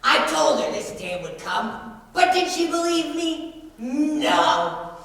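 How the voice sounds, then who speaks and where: A woman's voice: sits high, very animated, slow, gravelly, fairly bright tone, full character voice. A teenage girl playing a pompous, indignant villainous sheriff in a school stage play, declaiming. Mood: gloating, furious. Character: blustering, self-important Sheriff of Nottingham, indignant villain. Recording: distant, echoey stage recording with noise.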